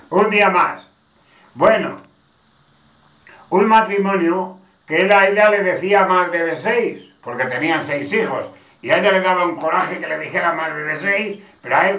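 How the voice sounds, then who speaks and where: Bright-voiced man telling jokes. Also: high-pitched. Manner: chatty, lively storytelling with laughs. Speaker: joke teller. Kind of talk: casual joke telling. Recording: roomy, distant, dull sound.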